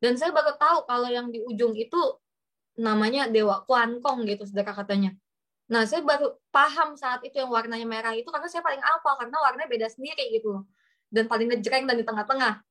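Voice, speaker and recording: A young woman preacher, giving a testimony sermon in an animated storytelling way and often addressing the congregation. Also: a little high, quick pace.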